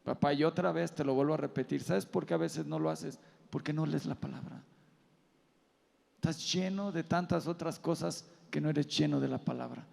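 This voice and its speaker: A man's voice: fairly high pitch, moderate pace, vocal fry, a little mellow. A man pastor preaching earnestly, putting direct questions to the parents in the audience. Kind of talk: sermon. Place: large auditorium. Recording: live hall reverb.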